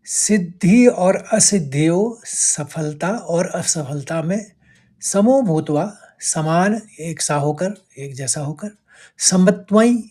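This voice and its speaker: A man teaching a scripture verse, explaining each word slowly and chanting the Sanskrit lines. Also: a little high, warm tone, slightly rough. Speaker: Gita teacher. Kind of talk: slow Sanskrit recitation lesson.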